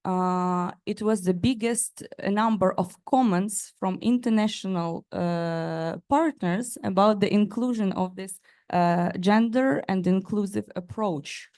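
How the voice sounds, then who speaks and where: A woman speaking as a panelist, halting often with fillers and restarts as she searches for words. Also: mid-range voice, darkish tone, clean tone. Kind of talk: panel discussion.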